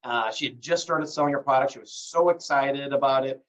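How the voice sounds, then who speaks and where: A man with a mid-range voice and a slightly quick pace hosts a livestream call while still recovering from bronchitis. His delivery is relaxed and promotional and packed with fillers, and he sounds far from the mic on dull, muffled lo-fi audio.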